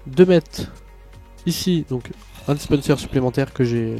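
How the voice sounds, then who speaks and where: A man's voice: medium pitch, measured pace, warm tone, faint music behind. A tired man narrating a game tutorial in a casual, rambling way, full of hesitations and asides. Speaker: Minecraft tutorial youtuber.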